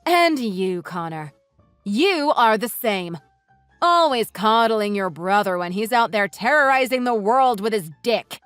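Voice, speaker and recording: A woman voicing a furious wife who mocks and cuts into her in-laws with sarcasm, over soft music. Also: on the high side, lively intonation, a little slow, smooth, no echo. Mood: sarcastic. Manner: sarcastic, cutting, mocking. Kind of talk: read-aloud text-message story. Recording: dry voice with soft music underneath.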